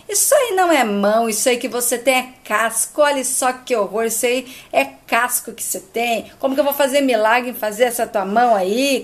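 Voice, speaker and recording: A woman voicing a loud, bossy salon owner who scolds her clients. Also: high voice, lightly acted. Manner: loud, scolding, calling everyone "bem".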